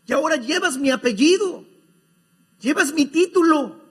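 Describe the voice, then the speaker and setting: A man's voice: a little high, brisk, a little mellow, slightly rough. A man voicing a loving adoptive father who firmly reassures his worried son in a sermon story. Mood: pleading, emphatic. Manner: emphatic, pleading, rising questions.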